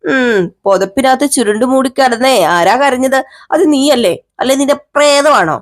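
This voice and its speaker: A woman's voice: sits high, moderate pace, voice pushed up, lightly acted. A woman voicing a caring young husband who coaxes his wife fondly and scolds her in mock sternness.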